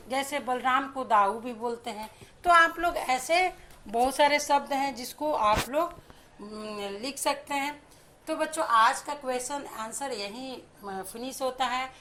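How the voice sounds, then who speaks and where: A woman's voice: sits high, measured pace, pushed and bright, slight background noise. A woman teacher explaining a school lesson step by step, now and then mixing English words into her talk.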